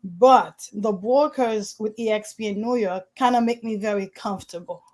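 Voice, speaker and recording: A woman's voice: mid-range voice, normal speed, darkish tone. A woman from Haiti, a realtor guest in an interview, telling her story in an earnest way, with slightly non-standard phrasing. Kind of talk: conversational interview.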